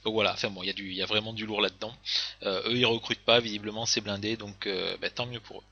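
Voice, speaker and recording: Bright-toned man, hesitant game commentary. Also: lowish voice, fairly even intonation, fast talker, lo-fi sound. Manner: hesitant, many fillers and restarts. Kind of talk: casual commentary on game replays.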